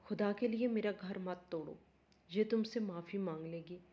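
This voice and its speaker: A woman's voice: mid-range voice, dark tone, lightly acted. A woman reading the lines of a young husband who is torn and pleading, in a strained, earnest voice.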